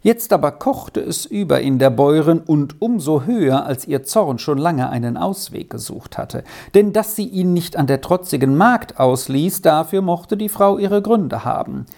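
Low, mellow female storyteller. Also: expressive, moderate pace, vocal fry, few pauses. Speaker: narrator. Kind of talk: storybook reading.

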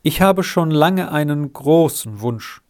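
A man's voice: a little high, lively intonation, darkish tone. A man reading aloud, voicing a humble poor villager who speaks hesitantly. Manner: hesitant, halting.

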